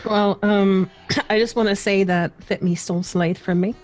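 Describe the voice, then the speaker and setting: A woman's voice: mid-range voice, steady tone, normal speed, a little mellow, soft background music. Bantering woman streamer on a podcast. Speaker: streamer and caster. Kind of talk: casual podcast chat.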